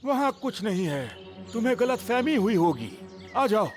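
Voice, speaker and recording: A man's voice: high voice, very animated, normal speed. A man voicing a fussy older fire station boss in a cartoon dub, bossy and scolding. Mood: eager. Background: faint music.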